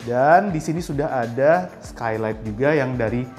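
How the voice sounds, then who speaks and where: A real estate host walks viewers through a property, speaking upbeat and straight to the camera. His medium-pitched voice is expressive, a little slow, and darkish in tone, with soft background music.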